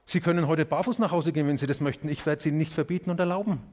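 Earnest higher-voiced male preacher. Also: rapid-fire. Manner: earnest, questioning, addresses congregation directly; drops low and quiet on key words, rises when urging. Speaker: pastor. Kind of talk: sermon.

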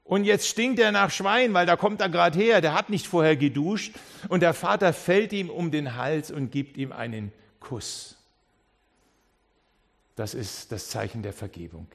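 A man preaching a sermon as a pastor, telling the story in a lively way, often restarting and repeating words as he goes. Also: on the high side, measured pace, vocal fry. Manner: lively storytelling that acts out the characters.

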